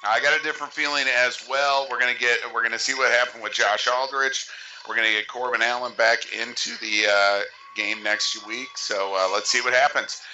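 A man announcing live local sports on the radio in a halting, ad-libbed way. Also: medium pitch, steady tone, bright, forceful tone, highs cut off, a little hiss or hum. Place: at a sports field.

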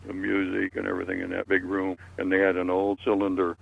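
An elderly man in his eighties, serving as a panelist, reminisces casually, rambling and often repeating his words. His low voice is monotone and fast, with vocal fry. The audio is narrow and tinny, with faint background noise.

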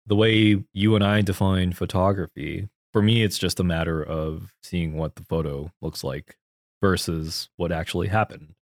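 A low-pitched man co-hosting a casual podcast. He talks loosely, doubts himself aloud and curses offhand. The recording is dry and close. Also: steady tone, moderate pace, dry recording. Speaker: podcast co-host. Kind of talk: casual conversation.

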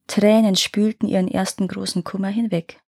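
A woman reading a fairy tale aloud in calm, measured narration. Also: medium pitch, gravelly, no echo, clean studio sound. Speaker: storyteller.

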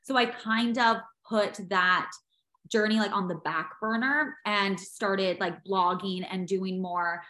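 A woman's voice: mid-range voice, steady tone, slow pace, bright, forceful tone. A young woman guest in a casual interview, upbeat and chatty, filling her sentences with "like". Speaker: guest, fitness studio owner.

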